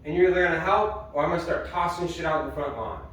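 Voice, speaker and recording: A man in a heated argument at home, angry and swearing, swinging between yelling and low muttering. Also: quick pace, a little hiss or hum. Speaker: partner in a domestic argument. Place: house, indoors. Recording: echoey room, voice far from the mic.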